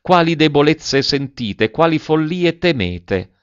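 A man's voice: on the high side, lively intonation, slow pace, clean tone, no room sound, voice pushed up. A man voicing a desperate, obsessive young nobleman who speaks with feverish passion. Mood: pleading. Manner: impassioned, rising to cries. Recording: dull dry lo-fi recording.

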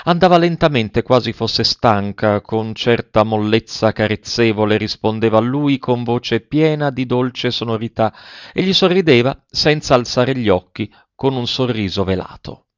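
A man narrating a literary audiobook in a measured, expressive reading. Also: mid-range voice, clean tone, no echo. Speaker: audiobook reader. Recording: dull, dry, lo-fi recording.

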